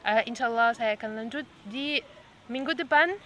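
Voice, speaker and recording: A woman's voice: on the high side, normal speed, pushed and bright, lo-fi sound. An Egyptian-accented woman, a native Arabic speaker, hosting a casual podcast in Indonesian as a foreign speaker. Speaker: podcast host. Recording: noisy background.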